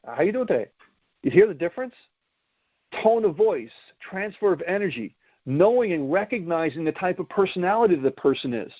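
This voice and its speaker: A male sales coach delivers a motivational lesson, leaning hard on his points and checking in with "right?" and "okay?". His voice sits a little high. The recording is dry and somewhat dull and lo-fi. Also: lively intonation, brisk, dry recording.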